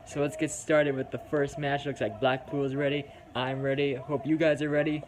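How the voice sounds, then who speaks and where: Minnesota guy doing live reactions, excited and chatty, mid pitch, noisy mic. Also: moderate pace. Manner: excitable, chatty, swears casually. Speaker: wrestling reaction host.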